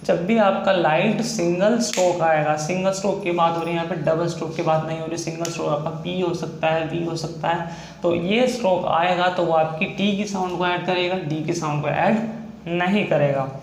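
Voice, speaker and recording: High-voiced man teaching shorthand. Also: steady tone, normal speed. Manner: repetitive, patient explaining with frequent "theek hai" checks. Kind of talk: explaining a lesson step by step. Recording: echoey room with faint background noise.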